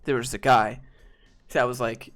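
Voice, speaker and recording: A soft-spoken man from the Southern United States chats casually on a live stream he hosts, at medium pitch and a measured pace. He's relaxed and rambling, laughing often and using lots of fillers, with faint music playing behind him.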